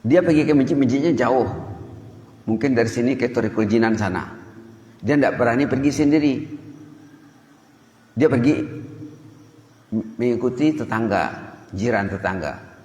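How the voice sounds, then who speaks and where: A man preaching a dawn sermon in a mosque, telling stories with a voice that swings between loud and soft, in a mix. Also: mid-range voice, animated, normal speed, pauses often, muffled recording. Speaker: preacher giving a dawn lecture. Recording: echoey mosque hall.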